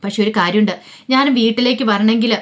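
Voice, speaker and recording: Give me a defiant young wife snapping back quickly, read by a woman storyteller. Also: fairly high pitch, close to an everyday voice. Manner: sharp, defiant retorts.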